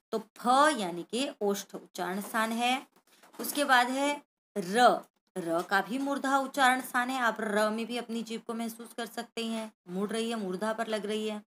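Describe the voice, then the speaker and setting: A woman's voice: a little high, a bit bright, slight background noise. A woman Sanskrit teacher going through a worksheet lesson, sounding out each letter and speaking directly to the children watching.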